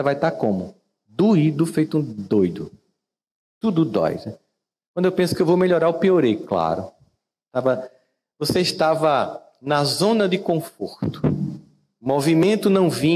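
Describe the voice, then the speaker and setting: A Brazilian man with a fairly high voice gives a reflective motivational talk. He chats with his listeners and keeps asking them questions. His voice trails off into a long, hall-like reverb. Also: darkish tone. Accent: Brazilian Portuguese. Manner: conversational, asks listeners questions, wide swings in pitch. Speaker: podcast host and teacher.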